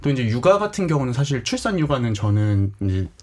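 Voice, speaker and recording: Fast-talking man in his thirties. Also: medium pitch, very animated. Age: 30s. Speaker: guest panelist. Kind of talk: panel discussion talk.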